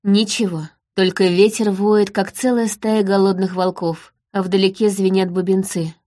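A woman reads a first-person story aloud as an audiobook narrator. Her pitch sits in the middle range, and her storytelling is steady and measured.

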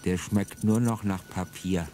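Low, dark and steady, the male voice runs a little slow, with a little hiss or hum. It belongs to an actor in a classic radio drama playing an embittered revolutionary whose brooding swells into bitter outbursts over music.

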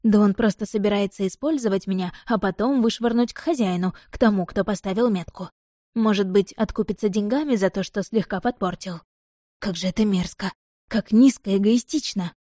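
Woman narrating with a mellow dry voice. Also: mid-range voice, a little fast, dry recording. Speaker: audiobook narrator. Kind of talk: first-person novel narration.

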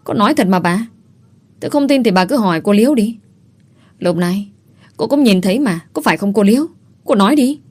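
A woman's voice: mid-range voice, steady tone, normal speed, a little mellow, natural voice. A woman voicing a fearful young servant girl who answers her masters deferentially. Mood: timid. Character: timid young female servant.

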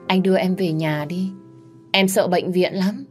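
A woman's voice: lowish voice, steady tone, unhurried, soft background music, lightly acted. A woman voicing a frightened, hurt young woman who speaks in a small, pleading, weepy way. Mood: tearful, pleading.

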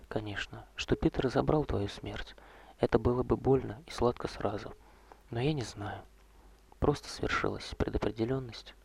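A man doing a hushed old vampire courtier. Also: fairly low pitch, gravelly, a little hiss or hum. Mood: gently ironic. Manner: soft, slow, hushed, often whispered. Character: old male vampire courtier, gentle, weary, ironic.

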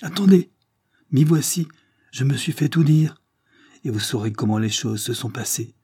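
A man's voice: animated, moderate pace, slightly rough, dry recording, studio quality. A man reading an audiobook, voicing a devoted elderly peasant nursemaid who speaks earnestly and urgently. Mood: urgent telling. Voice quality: raised pitch, forceful. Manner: earnest and pleading.

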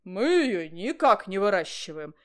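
A woman voicing a crafty, jovial older man with a loud, coaxing way of talking, in a storybook reading. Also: mid-range voice, sing-song, a little slow. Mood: sly. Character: sly folksy older man, cheerful old worker.

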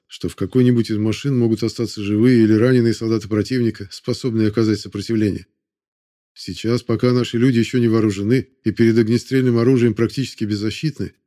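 A man narrating a war novel audiobook in a steady, measured reading. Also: mid-range voice.

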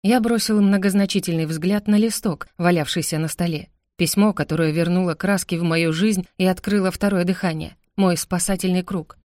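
Brief: female audiobook narrator, low voice, dry close sound, intense first-person reading. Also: fairly even intonation, normal speed, few pauses, a little mellow, dry recording.

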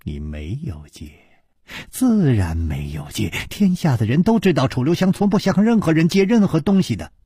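A male storyteller voicing a cold, haughty young woman who speaks in a low, clipped half-whisper. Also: sing-song, normal speed, mellow, husky, no room sound, clean studio sound, full character voice.

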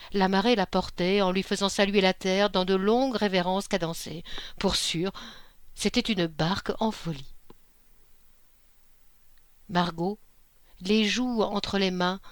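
A woman reading a classic short story aloud in a measured, expressive narration. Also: medium pitch, no room sound. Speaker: audiobook reader.

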